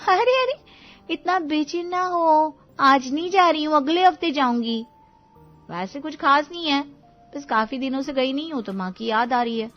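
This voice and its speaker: A woman's voice: sits high, animated, normal speed, muffled recording, faint music behind. A woman voicing a bossy, dramatic young wife in a cartoon, sassy and demanding. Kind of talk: cartoon voice acting.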